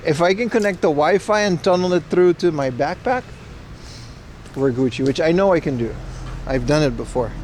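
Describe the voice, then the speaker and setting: A man's voice: a little high, moderate pace, a little mellow, slight background noise. A man streaming through a headset mic. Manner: rambling, laid-back, swears casually. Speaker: livestream host. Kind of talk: casual live-stream chat. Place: outdoors in a city, near a parking garage.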